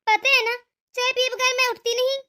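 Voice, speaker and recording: A woman's voice: extremely high pitch, flat delivery, fairly quick, sharp tone. A woman voicing a spoiled, haughty young daughter-in-law in a cartoon story, sassy and dismissive.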